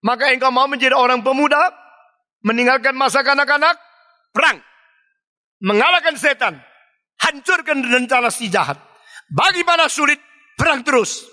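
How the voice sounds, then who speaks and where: A man delivers a sermon from the pulpit with emphatic, dramatic swings, stretching his repeated refrains slowly. His voice is high and bright and leaps widely in pitch. The sound carries a long reverb from a large church hall. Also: lively intonation. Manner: emphatic preaching with dramatic swings and slowed repetitions. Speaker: pastor.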